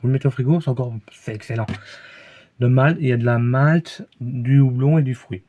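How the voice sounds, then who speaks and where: A man with a Belgian French accent talks through a beer review in an easygoing, meandering way, stumbling over words and circling back on himself. His voice sits at an ordinary middle pitch for a man. The recording is somewhat dull and lo-fi, as if captured at home. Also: fairly quick. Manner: hesitant, rambling, many fillers and restarts. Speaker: vlogger reviewing beers. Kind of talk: casual rambling review.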